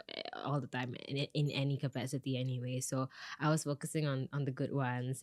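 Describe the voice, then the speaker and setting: Young woman, from Singapore, low voice, relaxed interview chat, chatty. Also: no echo, studio quality. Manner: chatty, animated when quoting herself, laughs often. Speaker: singer-songwriter, guest.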